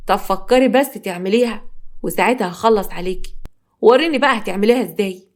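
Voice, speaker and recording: Female narrator as a controlling Egyptian husband; smug, menacing, deliberate. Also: mid-range voice, lightly acted. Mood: gloating. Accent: Egyptian Arabic. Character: domineering gloating husband, middle-aged man.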